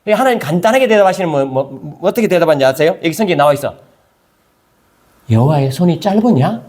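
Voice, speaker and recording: A male pastor delivers a conversational sermon and keeps asking the listeners questions. His voice sits high for a man. His pitch jumps around with lots of movement. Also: racing. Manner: conversational, animated, asks the congregation questions.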